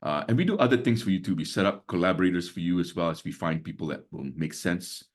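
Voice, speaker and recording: Hosting a video-call webinar, this Singapore-raised business mentor in his 60s talks quickly with lively intonation in a low voice. He's chatty, full of fillers, and chuckles between his points.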